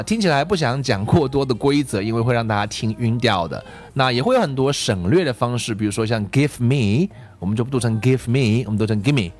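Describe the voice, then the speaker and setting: A man teaching English pronunciation in a casual podcast lesson, patiently explaining and repeating example phrases slowly. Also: mid-range voice.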